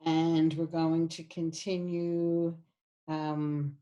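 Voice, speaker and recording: A woman's voice: low-pitched, level tone, very slow, mellow, highs cut off, slight background noise. A woman giving a recorded phonetics lecture, patiently demonstrating sounds while sharing her screen. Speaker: phonetics instructor.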